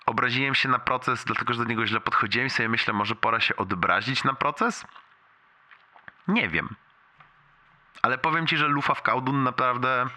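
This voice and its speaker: A man's voice: mid-range voice, sharp tone. A young man leaving a casual, rambling, sweary voicemail for a friend, amused and wincing in pain as he talks. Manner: rambling, colloquial, heavily sweary storytelling.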